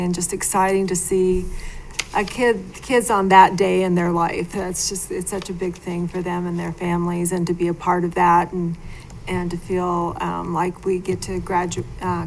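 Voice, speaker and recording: Board member woman, flat even voice, kinda rambling, faint hum behind. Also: lowish voice, normal speed, low-quality recording. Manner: reflective, rambling, self-correcting. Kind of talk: board meeting remarks.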